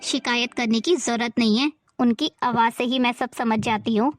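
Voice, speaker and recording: A woman's voice: a little high, moderate pace, soft background music, natural voice. A woman voicing a caring elder daughter-in-law who lectures firmly. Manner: firm, lecturing.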